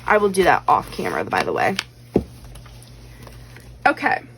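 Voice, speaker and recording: Counting bills aloud as she fills budget envelopes with cash, a woman vlogger about budgeting rambles casually with many fillers. Her bass voice swings hugely in pitch, with vocal fry, at a moderate pace, and she's slightly losing it. The background is noisy.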